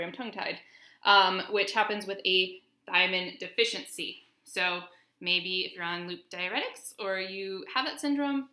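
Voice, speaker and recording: A woman's voice: medium pitch, sharp tone. A young woman, a nutrition student, chatting informally with lots of fillers as she cooks dinner at home and films it. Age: young adult. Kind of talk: casual cooking vlog with teaching. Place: home kitchen. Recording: echoey kitchen.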